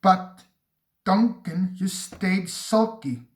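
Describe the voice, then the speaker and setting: An unhurried narrator reads a railway storybook aloud. The pitch moves with lively expression. The voice echoes in a roomy space. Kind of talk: storybook reading.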